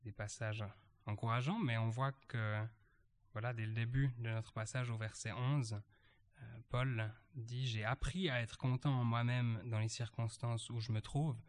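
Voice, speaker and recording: A man at a church meeting reading Bible verses aloud and reflecting on them, halting and searching for words. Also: mid-range voice, steady tone. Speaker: church member sharing a reflection.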